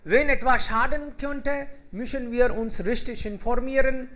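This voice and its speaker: Hosting an online German conversation club over a video call, a man speaks in simple, halting learner German for a casual group chat, pausing often to welcome participants. His very high voice stays clear and bright.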